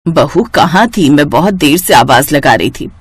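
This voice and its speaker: Woman doing a soft older mother-in-law, lower voice, dry close sound. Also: expressive, normal speed, husky, dry recording. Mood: gentle. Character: patient elderly mother-in-law, soft-spoken. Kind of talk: storybook voice acting.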